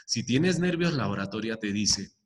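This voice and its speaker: A man's voice: fairly low pitch, expressive, moderate pace, big-room sound. A male teacher giving a recorded lesson, explaining step by step and often checking with the class. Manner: explains with many rhetorical questions and "¿ya?" checks.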